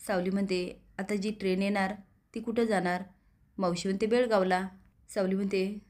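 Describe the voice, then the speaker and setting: A woman's voice: medium pitch, a little mellow. A woman recapping a TV serial episode, quoting the characters' lines as she narrates. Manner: retells scenes, quoting each character's lines in turn. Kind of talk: storytelling recap with acted dialogue.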